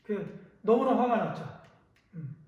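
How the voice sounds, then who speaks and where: Animated pastor in an echoey hall. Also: male voice, high-pitched, slow pace, highs cut off. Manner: animated storytelling with questions to the listeners. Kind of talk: children's sermon. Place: church hall.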